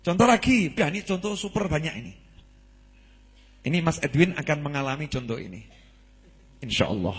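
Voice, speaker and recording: Guy giving a sermon, slightly husky, kinda high voice, tells stories and quizzes the crowd. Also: moderate pace, pauses often. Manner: lively storytelling with questions to the audience; acts out quoted dialogue. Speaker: preacher. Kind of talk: Islamic study sermon. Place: mosque study gathering.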